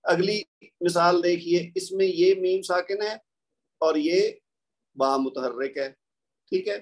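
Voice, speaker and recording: A high-pitched male teacher with a Pakistani Urdu accent explains a recorded lesson patiently. His intonation stays fairly even, and he frequently stops to say the examples slowly.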